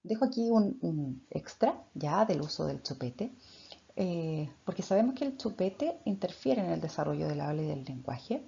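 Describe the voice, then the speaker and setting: Woman therapist, warm gravelly tone, explains patiently, slightly dull recording with faint noise. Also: on the low side, very animated, normal speed. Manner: explanatory, checks in often with tag questions. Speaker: speech therapist. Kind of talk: talk giving parenting advice.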